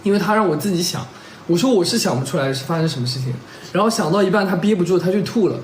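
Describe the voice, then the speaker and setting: A man's voice: sits high, lively intonation, racing, a little mellow, a little hiss or hum. A young man telling a story in a casual, rambling way, stringing clauses together and checking in with his listeners. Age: young adult. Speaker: vlogger telling a couple story. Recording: roomy echo.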